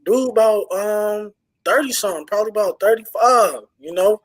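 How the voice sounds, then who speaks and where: A man on an online group call, telling a story in an animated, casual way with lots of slang. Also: high voice, moderate pace, no echo, low-quality recording. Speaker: congregation member.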